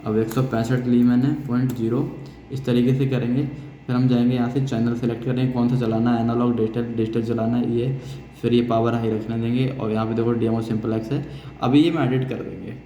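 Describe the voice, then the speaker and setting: An Indian man teaches a hands-on software tutorial, explaining step by step and repeating key phrases. His medium-pitched, mellow voice is brisk with little pitch movement; the recording is muffled, noisy, distant, and echoey.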